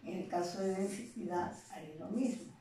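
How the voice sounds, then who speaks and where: A woman teacher with a Peruvian Spanish accent, explaining a lesson slowly and deliberately, often asking rhetorical questions. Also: fairly low pitch, warm tone, recorded from a distance. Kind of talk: classroom lesson. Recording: very echoey room, voice off-mic.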